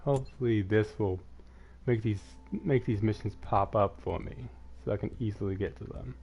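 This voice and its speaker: Talking at a moderate pace in a voice on the low side, this man with a slight lisp streams gameplay and chats with viewers, rambling in a casual, self-effacing manner. His dull lo-fi mic also picks up music and slight background noise.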